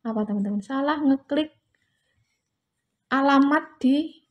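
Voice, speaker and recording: A woman's voice: high-pitched, a little slow, dull audio. A woman casually telling travel stories to her viewers while dyeing her hair, acting out both sides of each conversation. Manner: chatty, addresses viewers as friends, acts out dialogue. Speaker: vlogger.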